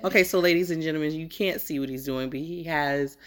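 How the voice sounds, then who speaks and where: A woman in her thirties with a notably low, deep-set speaking voice. She hosts a casual parenting chat as a mother, playful and teasing, laughing often as she talks. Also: quick pace, noisy background. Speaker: mother hosting a parenting video.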